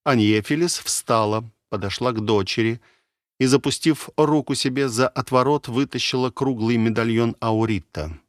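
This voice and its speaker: A man narrating a fantasy audiobook in a measured, dramatic reading style. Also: mid-range voice, no room sound, studio quality.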